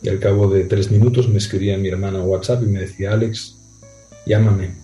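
A man on a video call speaking thoughtfully with frequent pauses and tag questions. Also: sits low, fairly even intonation, mellow, echoey room, soft background music, poor audio. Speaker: guest. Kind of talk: reflective conversation.

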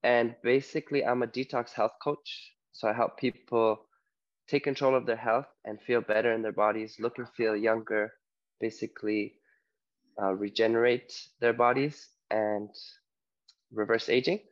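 Calling in by video from home on an island in Spain, a Canadian man who works as a health coach gives a relaxed, filler-heavy interview as a guest. He speaks at a moderate pace in a mid-range voice with little pitch variation, and the sound is lo-fi.

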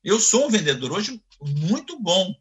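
Telling his career story as an interview guest, a Carioca man in his fifties speaks a little slowly in a voice that sits high. He stays animated, performing the different voices in his anecdotes.

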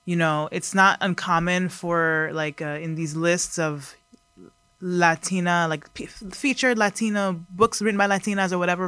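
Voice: mid-range voice, bright, forceful tone, clear, resonant tone, no room sound. A podcast host asking questions in casual chat, rambling with many fillers and restarts.

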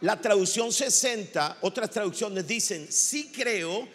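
A male pastor with a Mexican Spanish accent delivers an impassioned sermon, now and then rising to shouts. His voice sits very high and bright. A long reverb from the church hall trails behind his words. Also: animated, slow.

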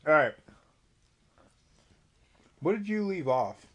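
A man's voice: on the high side, sing-song, slow, highs cut off. Drunk young man teasing his friend. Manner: teasing, profane, laughing often. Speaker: podcast co-host. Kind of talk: casual chat.

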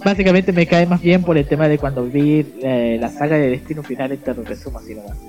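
A man's voice: on the high side, brisk. Young Chilean male co-host, rambling, self-mocking, faint music bed. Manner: hesitant, rambling, laughs at himself. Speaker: podcast co-host. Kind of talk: casual chat.

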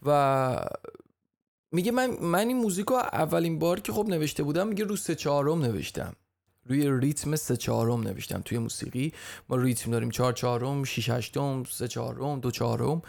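Gravelly man telling a story casually. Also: mid-range voice, lively intonation, darkish tone. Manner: chatty, stumbles and restarts, jokes aside. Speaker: podcast host.

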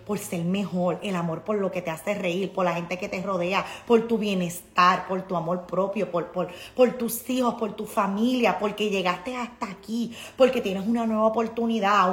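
A woman's voice: mid-range voice, echoey room. A woman with a Puerto Rican accent hosting a casual live stream, talking emphatically and reading out viewer comments. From Puerto Rico. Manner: emphatic, preachy, motivational.

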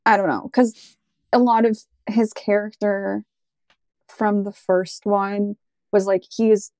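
Woman, podcast co-host, casual chat, rambling with fillers, enthusiastic, mid pitch, dry sound. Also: level tone, takes it slowly, a little mellow, dry recording.

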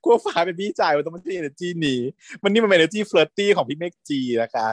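A man retelling a series in casual chat, camp and lively, acting out the characters' lines. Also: high voice, a little fast, no room sound. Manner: animated, camp, switches into character voices. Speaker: storyteller recapping a series. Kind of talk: casual retelling with acted quotes.

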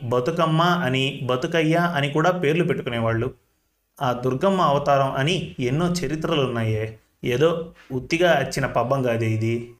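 A man voicing a caring, plain-spoken laborer husband who explains things gently. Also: a little high, natural voice.

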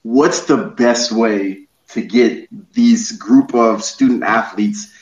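A man's voice: lowish voice, slow pace. A man from Ohio, a former coach, talking energetically and rambling a little in a casual interview. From Columbus, Ohio, USA. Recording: roomy, slightly dull audio.

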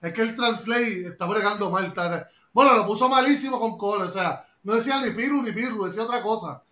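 Brash, bright-voiced male host. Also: high voice, a little fast, reverberant. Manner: joking, brash and slangy. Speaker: podcast host. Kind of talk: casual podcast chat.

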